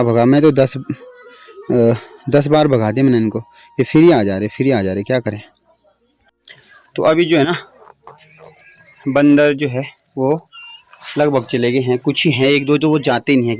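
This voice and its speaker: In his vlog, a young man rambles casually about home and village life, chatty and quick to laugh at himself. His voice is on the high side with a darkish tone.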